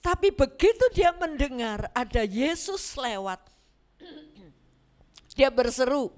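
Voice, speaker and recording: A woman preaching a sermon in a church, animated and acting out the voices she quotes. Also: sits high. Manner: animated, acts out quoted voices, mixes in Javanese words.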